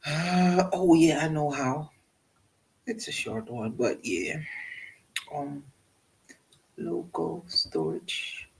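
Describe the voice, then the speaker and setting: A man hosting a casual livestream in an easygoing, meandering way. He talks at a slow, unhurried pace and laughs often between shout-outs to his viewers. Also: on the high side, creaky, rough recording. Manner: relaxed, rambling, laughing often. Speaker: livestream host.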